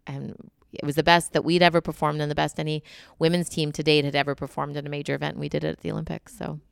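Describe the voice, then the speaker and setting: A woman guest in a casual interview, telling her stories in an animated way and laughing often. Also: low-pitched, quick pace, creaky, smooth, no echo. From Canada. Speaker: guest, Olympic curler.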